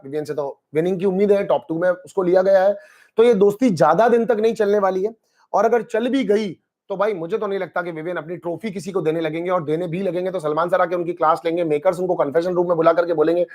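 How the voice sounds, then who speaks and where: During a casual live stream reviewing a reality show, this high-pitched male host reads out comments from his audience. Chatty and lively, he calls viewers by name and blends English phrases into his Hindi.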